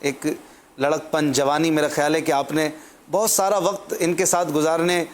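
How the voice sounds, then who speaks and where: A man's voice: a little high, flat delivery, moderate pace. A man interviewing a guest about religious memories, asking polite questions and often giving short affirmations.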